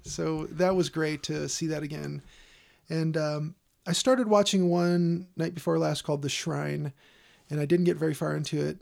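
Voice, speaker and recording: A man's voice: fairly high pitch, fairly even intonation, moderate pace, creaky, a little mellow. A man hosting a casual film podcast in a wry, joking way. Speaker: podcast host.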